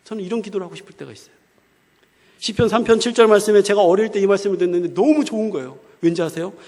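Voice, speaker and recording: A man's voice: high voice, rapid-fire, mellow. Guy preaching a casual sermon, lots of rhetorical questions, long echo of a big church hall. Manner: asks the crowd rhetorical questions, colloquial. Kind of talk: conversational sermon.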